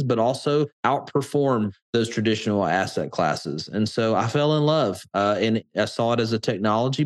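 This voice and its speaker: A middle-aged man with an Alabama Southern accent, telling his story conversationally as an interview guest. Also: fairly low pitch. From Birmingham, Alabama. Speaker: podcast guest, entrepreneur and crypto investor.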